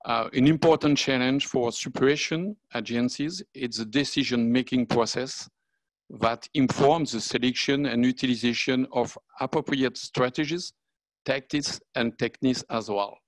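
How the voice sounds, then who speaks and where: A man in his sixties with a French accent, a native French speaker giving a formal webinar presentation, halting and searching for English words. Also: medium pitch, no echo, low-quality recording. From France. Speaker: fire service officer presenting. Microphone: video call.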